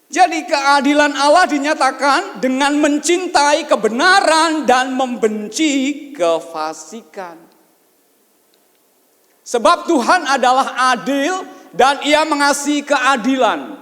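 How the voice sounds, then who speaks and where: High-voiced male pastor preaching. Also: sing-song, takes it slowly, fairly bright tone, long reverb tail. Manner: preaches with rhetorical questions, often addresses the congregation. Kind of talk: sermon. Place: church service.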